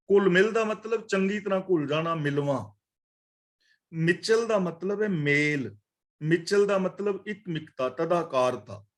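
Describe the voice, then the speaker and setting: A man leads a daily scripture class, his voice sitting a little high for a man. He chants a verse line slowly, then unpacks it word by word in an easy teaching tone. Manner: glosses verse words one by one, slow recitation of lines. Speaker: katha teacher.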